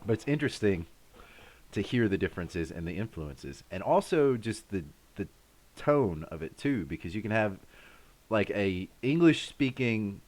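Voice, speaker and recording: A rambling American man hosting a casual live-stream chat from home. His voice sits low but swings up and down a lot. He talks straight to his viewers by name. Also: big pitch swings, normal speed, a little mellow. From United States.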